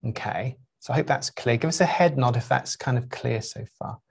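A middle-aged man, a spiritual teacher, speaking to a group in an unhurried, reflective way with frequent pauses and 'um's. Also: mid-range voice, vocal fry, breathy edge.

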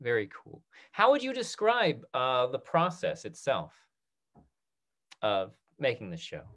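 A man in his thirties casually hosts a moderated question-and-answer panel over a video call, using the call's microphone. His medium-pitched, slightly bright voice swoops wildly in pitch, and he speaks a little slowly.

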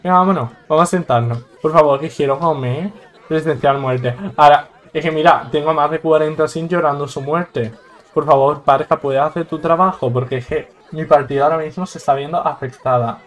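A man's voice: a little high, steady tone, brisk, soft background music. A man from Spain with a Spanish accent gives joking, exclamatory let's-play commentary on a game and laughs often. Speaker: gaming YouTuber.

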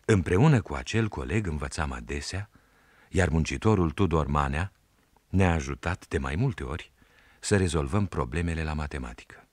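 A man narrating a historical story in a measured, storytelling manner. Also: rumbling low, lively intonation, no echo.

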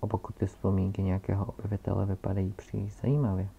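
A self-important old scholar who lectures in a loud, booming storybook voice, as a man reads him aloud. He speaks low and gravelly with a dark, mellow tone. The recording sounds dull and lo-fi. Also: flat delivery, full character voice. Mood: pompous.

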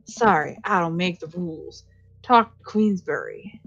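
A woman's voice: on the low side, expressive, unhurried, creaky, fairly bright tone, husky, heavily acted. A woman voicing a combative middle-aged film-snob man from a video game, blustering like a wannabe tough guy. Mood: mock solemn. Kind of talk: dramatic reading of visual novel dialogue. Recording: dull lo-fi audio with music behind.

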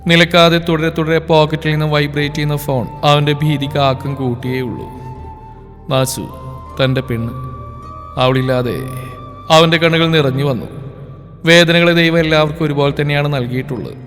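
A man reading a novel aloud in a steady, emotional storytelling voice. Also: on the high side, moderate pace, long pauses. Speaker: story narrator. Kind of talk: scripted novel narration. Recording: reverb with background music.

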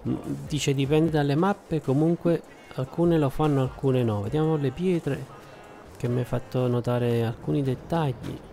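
A man's voice: mid-range voice, a little slow, dark tone, soft background music. A man chatting casually as he hosts a live stream of a farming game. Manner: courteous, effusive greetings to viewers. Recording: clear vehicle engine noise behind voice.

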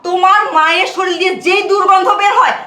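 A woman's voice: extremely high pitch, steady tone, fast, bright, forceful tone, reverberant. A woman playing a scornful spoiled young wife. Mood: mocking. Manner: mocking, defiant. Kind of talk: short-film drama acting.

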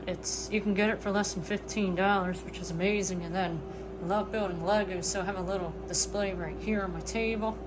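An eastern US vlogger in her late twenties walks through her small manufactured home indoors on a casual tour, naming things plainly in a mid-range voice. Background noise is present, and she films on a phone camera, first front-facing, then while walking.

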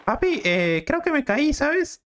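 A nervous young son with a high, whining voice, put on by a man. The pitch jumps around in lively swoops as he complains to his father. The recording has clear background noise. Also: slow pace, heavily acted. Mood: whiny. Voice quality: high and whiny. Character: anxious whiny young son Gervasio.

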